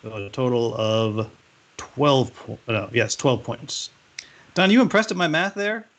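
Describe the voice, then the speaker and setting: A man's voice: medium pitch, animated, unhurried, fairly bright tone. A man playing a board game with friends, teasing them and counting his moves aloud. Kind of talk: casual game-night chat.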